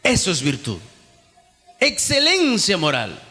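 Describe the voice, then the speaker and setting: A man's voice: high-pitched, wildly swooping pitch, slow pace, sharp tone, soft background music. A Peruvian man with a Peruvian Spanish accent preaching a sermon at a youth conference. He reads scripture aloud, explains it, and asks rhetorical questions that he answers himself. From Peru. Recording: long reverb of a large hall.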